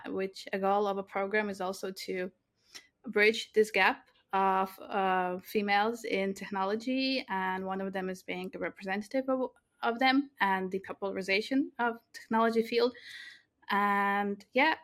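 A young Latvian woman, a mobile tech lead, speaks as a guest in an interview conversation. Her mid-range voice is steady and a bit bright, at a moderate pace. She comes across as earnest and thoughtful, with many fillers and restarts.

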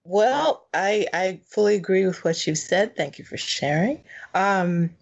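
A woman co-hosting a podcast in casual chat, expressive and stretching words slowly for emphasis. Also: medium pitch, creaky, lo-fi sound. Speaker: podcast co-host.

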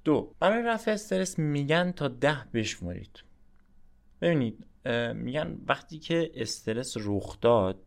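A man's voice: mid-range voice, sing-song, vocal fry. A man hosting a podcast, giving informal advice in a chatty, coaching way and often checking in with the listener. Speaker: podcast host.

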